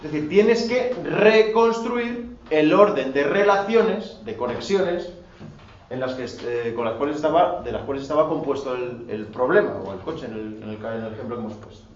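A man's voice: a little high, animated, moderate pace. A man teaching a philosophy class, lecturing with rhetorical questions and emphatic asides. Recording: roomy, distant, dull, faint noise.

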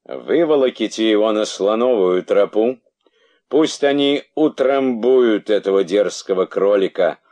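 A man's voice: fairly low pitch, animated, unhurried, mellow. A man voicing a proud, menacing python king in a storybook reading, speaking sternly and with threat. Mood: stern commanding.

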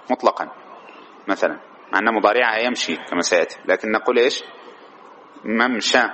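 A man's voice: on the low side, pushed and bright, slight background noise. A man teaching Arabic grammar to a class. He asks students questions, repeats their answers and stretches key words.

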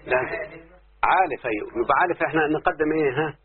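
A man's voice: a little high, fast talker. A man with an Egyptian Arabic accent teaching a classroom lesson on word forms, constantly quizzing his students with repeated questions. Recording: tinny phone-like lo-fi recording.

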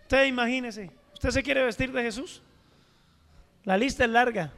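A man preaching a sermon as pastor, asking the congregation questions and reading scripture slowly with stress, swinging from loud emphasis to a near-murmur. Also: extremely high pitch, in a large hall.

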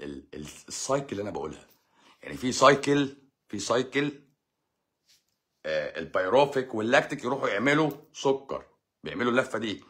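A man's voice: mid-range voice, a bit bright. A middle-aged man with an Egyptian accent, a doctor hosting a live-stream Q&A. He talks in a blunt, sarcastic way and mocks the comments he reads. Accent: Egyptian Arabic.

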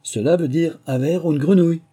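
A man's voice: on the high side, a little fast, dark tone, breathy edge, pitched above the performer's own voice. A man voicing a smug know-it-all male duck who explains things in a lofty way.

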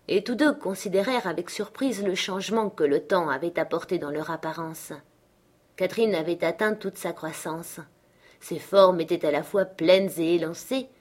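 A woman narrating a classic novel in a measured, even storytelling manner. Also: medium pitch. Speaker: audiobook narrator. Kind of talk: scripted literary narration.

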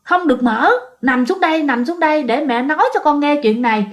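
A woman's voice: high-pitched, fairly quick, natural voice. A woman voicing a frightened old grandmother in a ghost story. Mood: anxious. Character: frightened old grandmother, scolding then panicked.

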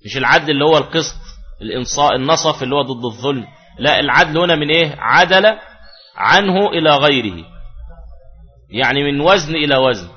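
A man's voice: a little high, expressive, quick pace. A man teaching Arabic grammar in a classroom lesson, explaining step by step and answering his own questions. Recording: dull lo-fi recording with faint music.

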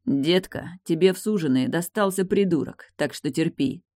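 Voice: mid-range voice, normal speed, darkish tone, no echo, studio quality, lightly acted. A narrator voicing a blunt, teasing man. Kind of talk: audiobook character voice.

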